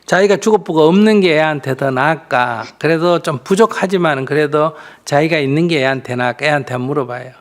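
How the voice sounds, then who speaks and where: Gravelly older monk giving frank advice. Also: male voice, fairly high pitch, quick pace, few pauses. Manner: frank, plain-spoken, acts out mother's lines, laughs often. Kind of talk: live Q&A counseling talk.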